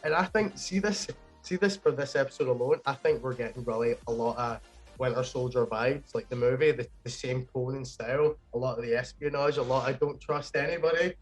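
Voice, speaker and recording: A man hosting a casual pop-culture podcast, talking with enthusiasm in quick bursts. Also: medium pitch, soft background music. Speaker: podcast host.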